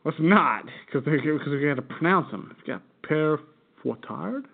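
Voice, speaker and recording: A man's voice: a little high, lively intonation, a little fast. Rambling American man, tinny phone-like audio. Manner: laughing, rambling storyteller. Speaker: podcast co-host. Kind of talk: casual chat.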